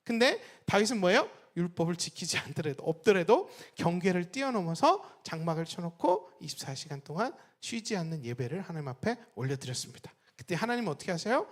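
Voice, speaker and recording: A woman's voice: fairly low pitch, big pitch swings, a little fast, hardly any pauses. A woman pastor preaching a sermon, often putting rhetorical questions to her congregation. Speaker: senior pastor.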